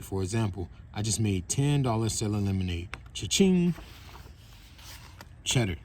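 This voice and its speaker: A man reading a children's nonfiction book aloud in a plain, steady way. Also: lowish voice, slight background noise. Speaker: reader.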